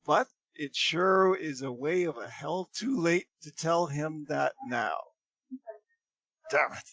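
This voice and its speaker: A man's voice: a little high, slow pace, fairly bright tone, no echo, heavily acted. A man voicing a remorseful young man who mutters his regrets in anguish.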